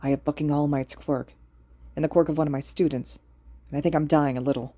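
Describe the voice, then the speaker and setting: A woman voicing an exhausted, gruff male teacher who talks bluntly and swears. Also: sits low, steady tone, a little fast, warm tone, no echo. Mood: frustrated.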